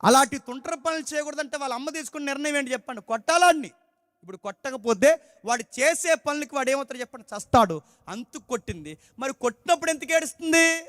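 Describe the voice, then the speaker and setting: A man's voice: very high-pitched, animated, fast, fairly bright tone, no echo, studio quality, long reverb tail. A man preaching a sermon emphatically, often putting questions to the congregation. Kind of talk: Telugu sermon.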